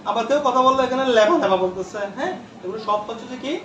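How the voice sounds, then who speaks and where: A man's voice: very high voice, lively intonation, rapid-fire, bright, forceful tone, muffled recording, a little hiss or hum. A male teacher lecturing a classroom, repeating terms and quizzing his students. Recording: echoey room from far off.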